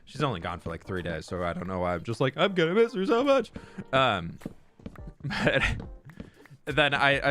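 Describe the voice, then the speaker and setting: A man's voice: medium pitch, bright, forceful tone. A young man live-streaming from a room at home, chatting casually and greeting viewers by name. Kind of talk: casual live-stream chat while gaming.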